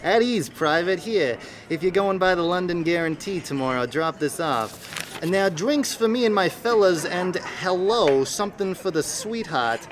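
An actor playing a smooth-talking, sleazy male gangster boss in a radio play, wisecracking and swaggering. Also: sits high, animated, a little slow, soft background music.

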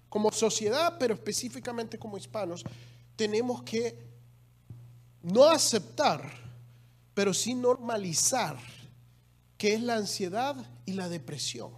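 A middle-aged male pastor giving a conversational sermon with emphatic rises in his voice. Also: sits high.

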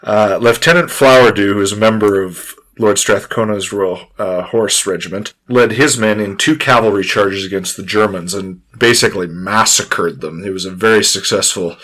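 A man talking through history in a casual but informative way, measured and precise, with careful qualifications. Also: lowish voice, fairly bright tone, poor audio. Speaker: history discussion speaker.

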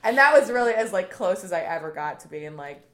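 A young adult woman comedian in a casual interview. She tells stories in an animated way, laughs often and swears now and then. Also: on the low side, a little fast. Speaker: comedian, guest.

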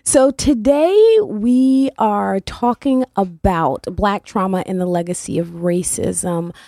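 A woman hosts a morning talk show on community radio, rambling a little with frequent fillers as she welcomes listeners. Her voice sits at an average pitch. The studio sound is close and dry. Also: slow pace, dark tone, no echo. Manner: chatty, with many fillers and restarts.

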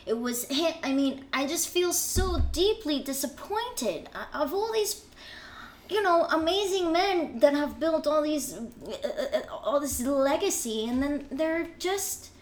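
A woman's voice: high-pitched, expressive, a little slow, slight background noise. A woman from Venezuela co-hosting a podcast in casual chat, playful and swearing often, laughing and repeating words. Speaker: podcast co-host.

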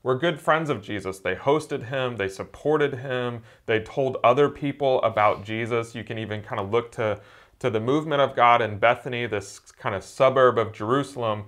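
A man who is a church elder, preaching in a relaxed, conversational way and telling a story with frequent "uh"s. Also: mid-range voice, normal speed.

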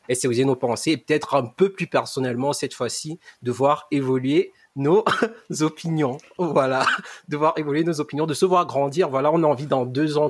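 A man's voice: medium pitch, breathy edge, dry recording. A man in his twenties from Cameroon, co-hosting a podcast and explaining things thoughtfully with many fillers. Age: 20s. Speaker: podcast co-host. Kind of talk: casual podcast chat. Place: Germany.

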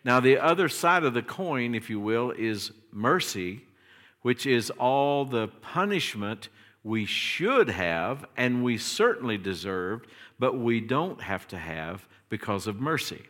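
A man with an Appalachian hillbilly accent preaching a teaching sermon, with deliberate, emphatic phrasing that stretches key words. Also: medium pitch, big pitch swings, a bit bright. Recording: reverberant hall sound.

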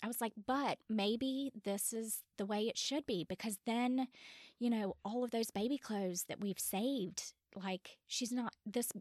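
A woman's voice: a little high, a little slow, dry recording, studio quality. A woman, a podcast guest telling her story casually and acting out quoted dialogue. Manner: chatty, quotes others in lively retold dialogue.

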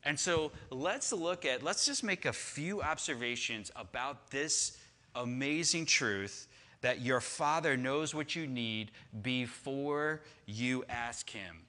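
A pastor delivering a sermon in a bright, ringing voice. He speaks slowly and deliberately, repeating key phrases for emphasis and climbing into fervent, rising lists. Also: mid-range voice, expressive.

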